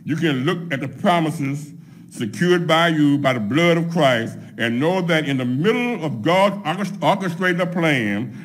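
A middle-aged man preaching a sermon from a pulpit, laying out his points one by one in a measured way. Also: a little high, animated. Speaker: pastor. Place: church sanctuary at a pulpit, empty pews behind. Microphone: microphone on a pulpit stand.

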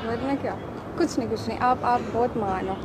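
High-voiced woman with sarcastic retorts. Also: fairly quick, a faint crowd, slight background noise. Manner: sharp, scolding, sarcastic retorts. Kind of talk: scripted comedy skit.

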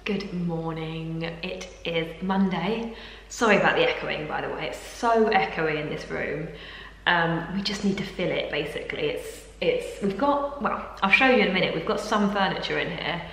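A young British woman talks in a chatty, rambling way, full of little fillers, with a voice that sits a touch low for a woman. Her words bounce around a bare room at home, trailing a long hall-like echo. A faint hum sits underneath. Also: moderate pace, creaky, fairly bright tone. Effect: big echoing room, long hall-like reverb. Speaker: vlogger. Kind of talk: casual vlog chat. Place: sparsely furnished room at home.

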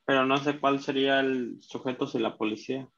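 A Spanish-speaking man learning English, reading sentences aloud in a lesson, hesitant and halting, often restarting words. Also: mid-range voice, steady tone, gravelly, fairly bright tone, lo-fi sound. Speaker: student.

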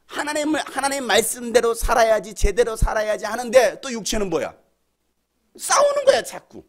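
A man's voice: extremely high pitch, fairly quick. A middle-aged male pastor from Jeolla with a Jeolla accent, preaching a blunt, scolding youth sermon in a church hall. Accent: Jeolla Korean. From Jeolla, Korea. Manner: blunt, scolding, swings between shouts and mutters.

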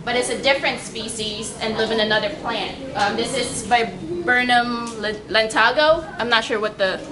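A woman's voice: a little high, fairly even intonation, normal speed, crowd noise. A young woman researcher giving a casual public science talk, with lots of fillers and restarts. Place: library meeting room. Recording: echoey room with background noise.

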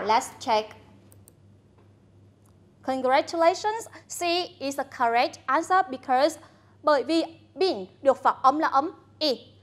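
A Vietnamese-accented woman teaching English to a class, her voice pitched high and clear. She takes her time over every word, pausing to call on students by name. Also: a bit bright. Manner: slow, deliberate, coaxing prompts to students. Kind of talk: bilingual classroom lesson.

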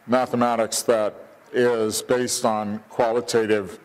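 An older man delivers a keynote lecture from a podium in a hotel conference hall. He speaks thoughtfully, pausing often on ums and uhs as he gathers his ideas. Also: on the low side, flat delivery. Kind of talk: academic lecture. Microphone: podium mic.

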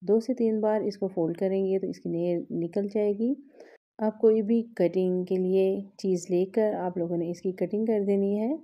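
A woman gives step-by-step cooking instruction in a warm, mid-range voice with fairly even intonation and a normal speed. The cooking vlog host works with her hands at a home kitchen counter, patiently explaining as she goes.

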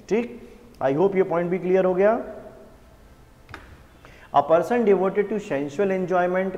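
Man, teacher, fairly high voice, slow deliberate reading, repeats answers, long echo. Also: warm tone. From India. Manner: explains slowly, reads English definitions deliberately, repeats answers as questions. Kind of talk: exam-prep vocabulary lesson.

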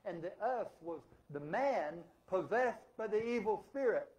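A man's voice: high-pitched, lively intonation, a little slow, a little mellow, rough recording. A man preaching a sermon as pastor in a church, emphatic and asking rhetorical questions. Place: church sanctuary.

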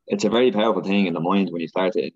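An Irish man, a podcast guest, talking fast and animated in a casual interview chat. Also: deep voice, dull audio, crowd noise. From Ireland.

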